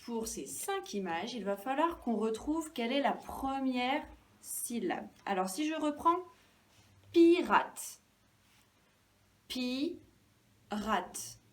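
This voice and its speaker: Slow, sing-song woman teacher. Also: high-pitched, sing-song, recorded from a distance. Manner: slow and deliberate, stretching out syllables, encouraging. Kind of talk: recorded classroom lesson for young children.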